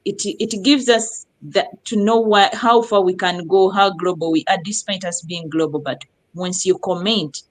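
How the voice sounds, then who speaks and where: A middle-aged woman from Uganda hosting a live online talk show, lively and effusive, repeating words for emphasis. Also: mid-range voice, normal speed, rough recording. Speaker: host.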